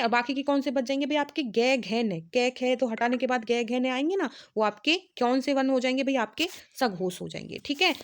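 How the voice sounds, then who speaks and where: A young woman teaching an exam-prep lesson, repeating every point patiently and spelling out letters slowly, with constant checks like "okay?". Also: a little high.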